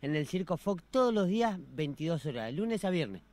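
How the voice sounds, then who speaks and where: A man's voice: a little high, big pitch swings, brisk, a little mellow. A man who works as a circus clown, talking in a playful, joking way during an interview.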